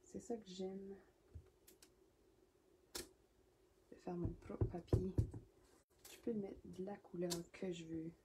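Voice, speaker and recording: A woman with a Québécois French accent talks through a card-making tutorial at an unhurried pace, thinking aloud as she works. Her delivery is chatty, sometimes falling to a soft murmur. Steady clicks and handling noise from the craft table sit clearly under her voice. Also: lowish voice.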